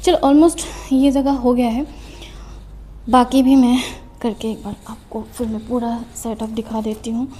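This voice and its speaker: A fairly high, dark-toned voice with a flat, unhurried delivery comes from a young adult student vlogger doing a casual desk tour. She tidies her desk in her study room at home, slightly out of breath, chatty and self-mocking, and mixes in English phrases.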